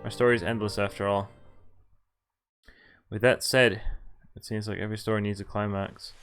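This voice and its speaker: Over visual novel game music, a man reads the dialogue and narration in a conversational way, now and then stumbling and correcting himself. His voice is fairly low and fairly bright, clear and resonant, with little pitch movement and a moderate pace.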